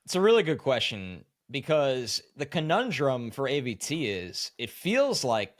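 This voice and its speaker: Male podcast co-host, mid-pitched, analytical, dry close recording. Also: big pitch swings, a little slow, no echo. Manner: analytical, talks in long run-on explanations. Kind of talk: casual sports analysis chat.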